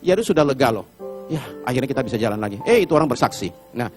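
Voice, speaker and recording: A middle-aged man preaching a sermon, telling Bible stories in an animated way and acting out the characters. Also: medium pitch, racing, faint music behind. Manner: animated storytelling, acts out Bible characters with shouted pleas. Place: church hall.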